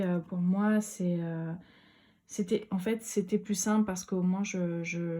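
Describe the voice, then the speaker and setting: Casting note: young woman vlogger, low-ish mellow voice, casual and halting delivery. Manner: hesitant, many fillers and restarts. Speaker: tarot vlogger. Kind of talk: casual video monologue.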